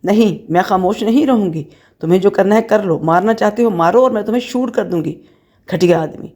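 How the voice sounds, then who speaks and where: A woman's voice: animated, dark tone, lightly acted. A woman doing a bitter, furious wife. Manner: shrill, accusing.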